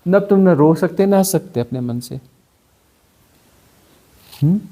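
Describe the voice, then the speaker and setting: A man. He keeps firing rhetorical questions and acts out mocking little examples, rising sharply in pitch when he gets animated. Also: takes it slowly. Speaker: spiritual teacher. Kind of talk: satsang discourse.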